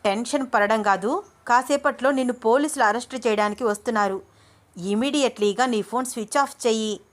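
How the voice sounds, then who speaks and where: A woman voicing a jealous, hot-tempered young woman who scolds and shouts in a raised voice. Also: on the high side, a little fast, voice pushed up, close to an everyday voice. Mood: angry.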